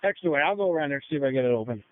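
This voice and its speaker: A man's voice: a little high, animated, very fast, dry recording. A man commanding police over the radio, blunt and emphatic, repeating his orders. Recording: tinny narrow-band police radio audio.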